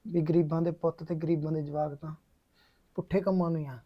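A man's voice: fairly high pitch, steady tone, dull audio, close to an everyday voice. A man playing a remorseful young kidnapper. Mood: sorrowful. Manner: halting, confessional, repeats phrases. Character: young male kidnapper, poor, bitter and remorseful. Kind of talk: short film drama acting.

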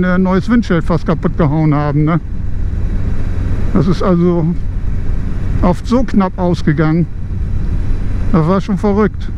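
A man from Germany chatting casually and colloquially in rambling stories as he rides, his voice recorded inside a motorcycle helmet. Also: high-pitched. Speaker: motorcycle vlogger. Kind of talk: casual monologue while riding. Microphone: microphone inside helmet. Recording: dull helmet-mic sound with road noise. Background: loud engine, wind and road noise.

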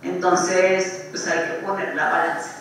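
Male lecturer, notably high voice, conversational with frequent tag questions, recorded far off in a very reverberant room. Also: monotone, measured pace, fairly bright tone. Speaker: speaker at an architecture lecture. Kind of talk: informal lecture reflection. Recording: distant, very echoey room, faint noise.

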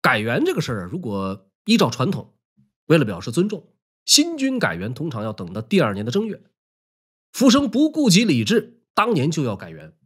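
A man's voice: a little high, wildly swooping pitch, brisk, breathy edge. A man telling history in a wry, colloquial storytelling style.

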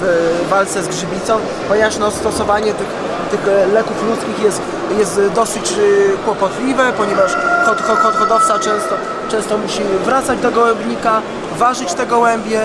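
A man's voice: high-pitched, fairly even intonation, moderate pace. Stammering man in a noisy hall. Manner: stammering, many restarts and repeated words. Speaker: veterinarian. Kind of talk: on-camera interview. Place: large indoor exhibition hall with pigeon cages. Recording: loud hall background noise.

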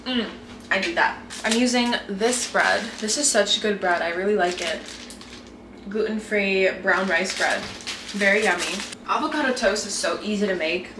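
A woman's voice: medium pitch, normal speed. A young woman talking casually to her camera while making breakfast at home, full of "like" fillers. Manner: chatty, lots of "like" fillers. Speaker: vlogger. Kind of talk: casual vlog chat. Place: home kitchen. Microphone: handheld camera mic. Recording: echoey room with faint noise.

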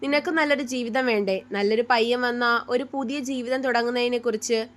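A woman doing a gentle fatherly older man. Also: fairly high pitch, steady tone, a little fast, lightly acted. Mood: coaxing. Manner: soft, coaxing advice.

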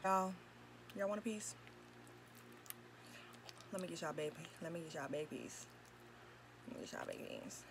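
A woman's voice: lowish voice, a little slow, pauses often, background noise. A young woman chatting casually to her viewers while she cooks and eats at home, filmed by a camera set a little way off in a small kitchen. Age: young adult. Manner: chatty, talks straight to viewers. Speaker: vlogger. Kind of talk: casual cooking vlog.

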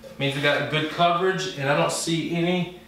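A man, a woodworking channel host, giving relaxed, plain-spoken how-to narration with small self-corrections. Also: fairly high pitch, normal speed. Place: home garage workshop. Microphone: camera mic from across the room. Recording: very echoey garage, distant mic, faint hiss.

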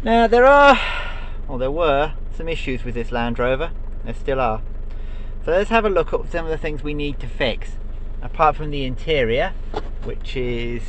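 Middle-aged man, slightly high voice, unhurried dry vlog commentary on a handheld cam over a soft idling engine. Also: animated, slight background noise. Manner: dry, understated remarks. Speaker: vlogger. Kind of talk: casual running commentary. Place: inside a car and outdoors by it. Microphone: handheld action camera. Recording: faint engine idle behind.

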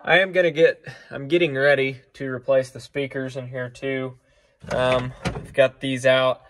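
A young farmer vlogger holds his phone at arm's length and casually walks through his tractor cab setup, moving between the farm shop and the cab. His medium-pitched voice is relaxed and chatty, with many pauses.

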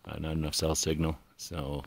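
A vlogger gives a relaxed, rambling walkaround tour of his van in a mountaintop parking lot, speaking into a handheld action camera with frequent "uh" fillers. His voice is extremely low-pitched at normal speed. The outdoor camera audio carries clear background noise.

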